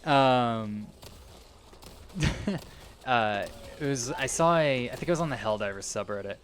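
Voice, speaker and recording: A man's voice: medium pitch, a little slow, slight background noise. A young man giving rambling, casual commentary while playing a video game, often losing his train of thought. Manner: rambling, meandering, self-interrupting. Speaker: gaming video creator.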